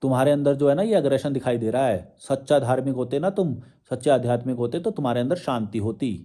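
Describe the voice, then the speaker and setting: A man's voice: medium pitch, fast talker, warm tone. A young man giving a confrontational monologue to his viewers, firing rhetorical questions and challenges. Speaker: social media commentator.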